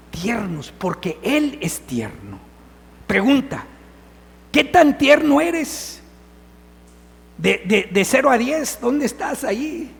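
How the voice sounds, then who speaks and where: A man preaches a Sunday homily in a voice pitched very high, with a gravelly edge. He speaks slowly and earnestly, putting questions straight to the congregation. A long church reverb trails after each phrase. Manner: earnest, asks the listeners direct questions. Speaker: priest.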